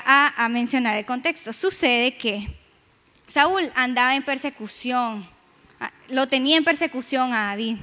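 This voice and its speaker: Woman preaching, gets loud and emphatic on the scripture bits, high pitched. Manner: emphatic, raising her voice when reading scripture. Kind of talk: sermon. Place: church sanctuary. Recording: long church reverb.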